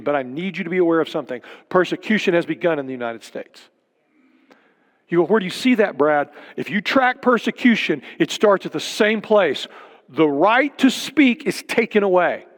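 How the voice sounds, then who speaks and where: A middle-aged man preaching a sermon as a pastor, earnest and emphatic, repeating key points. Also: sits high. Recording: long hall reverb.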